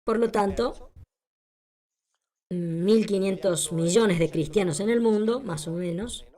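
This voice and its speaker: A woman's voice: mid-range voice, slow pace, dark tone. A woman giving a translated lecture as a voice-over. She is emphatic and rhetorical, repeats her points and asks the audience questions.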